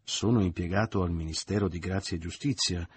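A man's voice: low voice, fairly quick, slight background noise, close to an everyday voice. Man playing a smug, scheming seducer. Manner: smooth, self-satisfied, quietly insistent. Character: smug middle-aged seducer, calm and scheming.

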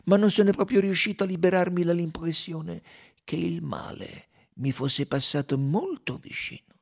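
A man's voice: a little high, normal speed, vocal fry, voice pushed up. A man voicing a fussy older male detective who talks in a precise, musing way and leans into vivid images. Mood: uneasy.

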